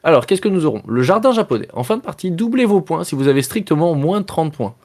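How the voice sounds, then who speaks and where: A man's voice: fairly high pitch, sing-song, fast talker, darkish tone. A man hosting a live board game stream, chatting casually with viewers, joking about himself and reading card texts aloud as he plays. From Belgium. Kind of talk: casual live-stream chat while playing.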